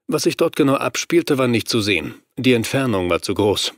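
A man narrating a horror audiobook in the first person, in a steady, measured reading voice on a studio microphone. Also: mid-range voice, no room sound.

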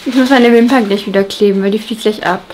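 A woman's voice: medium pitch, fast talker, soft background music. A young woman vlogger chatting casually and playfully to a camera a short distance away indoors at home. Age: young adult. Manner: animated, playful, giggly. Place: home kitchen and bedroom indoors. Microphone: handheld camera a short distance away.

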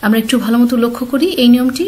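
A woman teacher giving a slide-based pronunciation lesson, speaking clearly and patiently and putting questions straight to her students. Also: fairly high pitch, very fast, warm tone.

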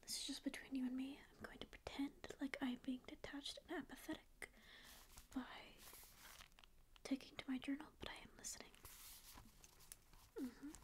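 A young woman with a natural voice that sits high whispers an ASMR roleplay close to a studio mic just off-frame, in a small dim room. Her character, a prickly sleep paralysis demon, is grumpy and curious, insisting she doesn't care while secretly caring, listening and reassuring. Each curt denial eases into comfort.

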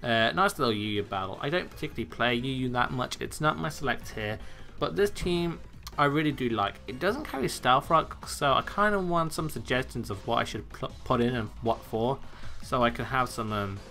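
A man's voice: mid-range voice, animated, moderate pace, vocal fry, sharp tone, soft background music. A man giving casual, chatty commentary over a video game battle, joking at his own expense and laughing often.

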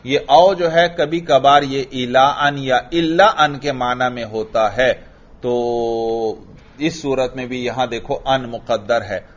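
Male religious teacher, Pakistani Urdu accent, mid pitch, slow measured lecturing with repeated questions and chanted examples; dull lo-fi classroom audio. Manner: repeats questions to the class and answers them, drills.

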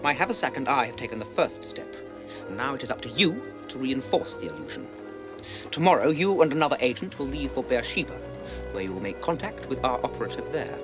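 A man acting out a resolute officer who gives orders in a crisp, authoritative way, with a lively rise and fall in his voice. Music plays underneath. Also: mid-range voice, a little fast, lightly acted. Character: commanding officer briefing an agent, resolute.

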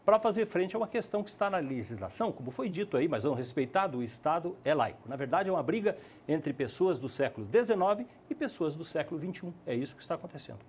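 A man's voice: a little high, sing-song, quick pace, hardly any pauses, noisy background. A middle-aged male news anchor from Curitiba, presenting and giving emphatic opinionated commentary in a TV studio on a lapel mic. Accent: Brazilian Portuguese, Curitiba.

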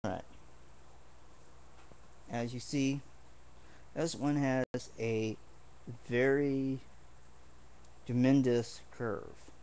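A man's voice: medium pitch, steady tone, very slow, long pauses, darkish tone, clear, resonant tone. A man casually showing his swords in a home video, talking in an earnest, rambling way with many restarts. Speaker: martial arts hobbyist showing swords.

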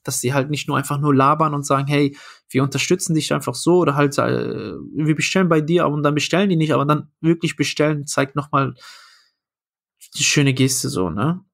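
A man's voice: on the high side, fairly quick, vocal fry, fairly bright tone. A young man, a comedian and food founder, telling a story casually in a podcast interview, acting out quoted dialogue with lots of fillers.

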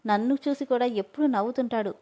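A woman's voice: fairly high pitch, fast talker, warm tone, lightly acted. A woman reading as a sly scheming schoolboy. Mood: coaxing. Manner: coaxing, sly.

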